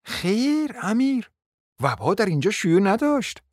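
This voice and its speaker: A man's voice: high-pitched, sing-song, a little mellow, no echo, studio quality, voice pushed up. A man voicing a proud middle-aged mother and hostess in an audiobook, speaking formally and insistently. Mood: formal, polite.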